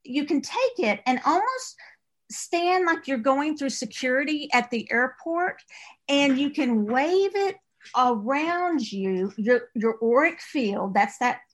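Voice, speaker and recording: Brief: East Texas woman, podcast guest, talkative and meandering, voice on the higher side. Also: expressive, slow pace. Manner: chatty and rambling, with many restarts and laughs. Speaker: podcast guest, author and crystal store owner. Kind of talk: casual interview chat.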